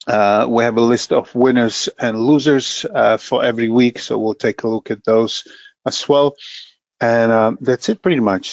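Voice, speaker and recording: A man's voice: mid-range voice, creaky, no room sound. Hesitant middle-aged man leading a webinar. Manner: hesitant, many filler pauses, plain-spoken with dry humor. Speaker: senior account manager presenting a trading webinar. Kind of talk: educational market webinar. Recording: dull lo-fi dry webinar audio.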